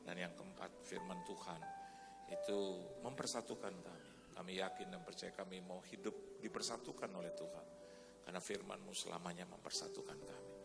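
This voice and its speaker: A man preaching as a pastor, telling a story in animated sermon style and then leading a prayer. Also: deep voice, fairly quick, vocal fry, loud music behind the voice. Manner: animated storytelling, shouting greetings in quoted voices. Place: large church hall. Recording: reverberant church hall, faint noise.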